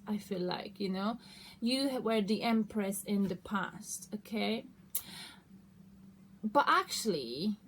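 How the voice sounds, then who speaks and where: A woman's voice: medium pitch, low-quality recording. A woman giving a casual, conversational tarot reading, often checking in with her listeners. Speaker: tarot card reader hosting an online reading. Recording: noticeable background noise.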